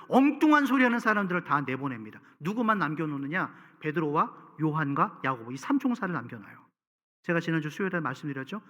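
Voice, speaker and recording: A man's voice: high-pitched, fairly bright tone. A man preaching a Sunday sermon as pastor, building to emphatic peaks and putting questions to the congregation. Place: church sanctuary. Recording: reverberant church sanctuary.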